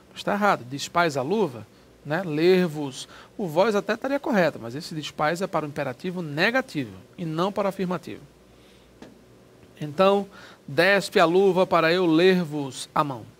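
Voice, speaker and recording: A man's voice: high-pitched, a bit bright. A man teaching a grammar lesson for an exam, explaining step by step and asking himself rhetorical questions.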